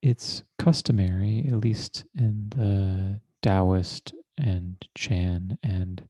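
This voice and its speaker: With a low-pitched, mellow voice and no room sound, a man leads a guided meditation as its teacher. He speaks deliberately and with measure, using formal, exact wording and long silences.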